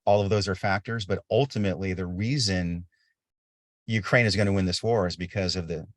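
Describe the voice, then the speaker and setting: A man's voice: low voice, brisk, dry recording, clean studio sound. A middle-aged man telling war-zone stories as an interview guest on a video call, earnest and repeating words as he builds a point. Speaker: interview guest, aid volunteer. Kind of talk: casual storytelling on a video call.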